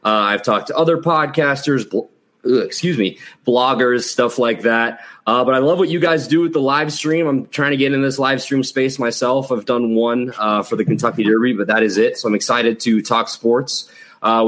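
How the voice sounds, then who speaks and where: A man's voice: mid-range voice, a bit bright. A man from the Chicago area chatting casually about sports as a podcaster guest. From Chicago area, United States.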